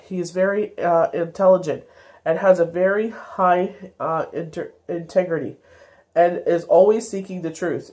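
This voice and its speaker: A congested woman with a stuffy nose gives a casual daily tarot reading in a fairly low, darkish voice. As the tarot reader, she meanders, using many fillers and correcting herself often.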